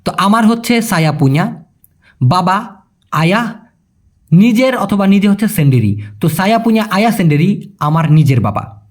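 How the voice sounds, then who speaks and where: A man's voice: high voice, expressive, moderate pace, pauses often. A young Bangladeshi man giving a casual video lesson, chatty, calling viewers brother and checking that they follow. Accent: Bangladeshi Bengali. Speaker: language teacher.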